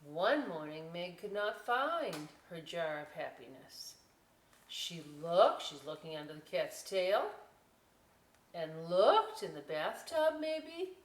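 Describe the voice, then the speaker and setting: A woman with a fairly low, expressive voice reads a picture book aloud at a children's story time, taking it slowly. She's a librarian hosting the session, chatting casually about the pictures as she goes. The recording sounds roomy, picked up by a distant mic with clear noise.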